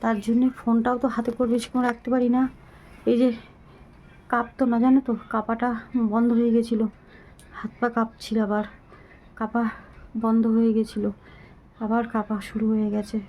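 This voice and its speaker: Middle-aged woman vlogger, short of breath and weak, flat halting delivery, mellow phone-camera sound. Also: a little high, rough recording. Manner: slow, halting, pleading. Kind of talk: casual talk to viewers.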